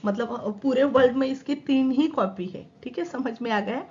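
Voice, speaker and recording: A woman's voice: high-pitched, normal speed, a little mellow, highs cut off. A woman teaching, explaining answers in mixed with Japanese and often checking that her students follow. She has a sore throat. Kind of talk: exam practice lesson.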